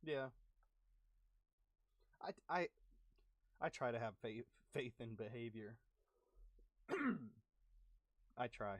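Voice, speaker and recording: A man's voice: medium pitch, expressive, no echo. Chatty young man with a worn voice. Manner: chatty, reacts to play with quick exclamations. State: losing his voice, clearing his throat. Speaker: gaming streamer. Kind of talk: casual gameplay commentary.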